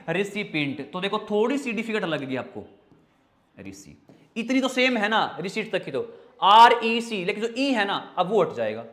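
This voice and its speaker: Teaching vocabulary online, a Hindi-accented English teacher speaks in a high-sitting, fairly bright male voice. He addresses students as brother and child, spelling words in pieces and answering the questions he asks.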